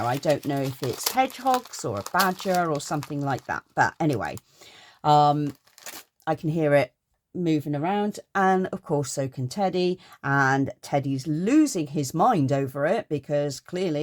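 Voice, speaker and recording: A woman's voice: sits low, darkish tone. A middle-aged woman chatting casually through a craft haul in her garden craft room, gushing and rambling. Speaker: craft vlogger.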